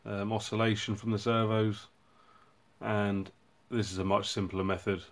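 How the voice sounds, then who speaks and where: A man hosting his own hobby channel, casually walking through a project and explaining it in a relaxed way with frequent ums and uhs. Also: fairly low pitch, normal speed. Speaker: robotics hobbyist channel host.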